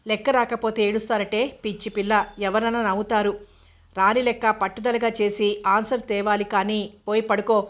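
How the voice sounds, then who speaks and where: A woman's voice: mid-range voice, flat delivery, brisk, lightly acted. A woman reading the lines of a fussing, affectionate middle-aged mother who scolds fondly. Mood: fond scolding.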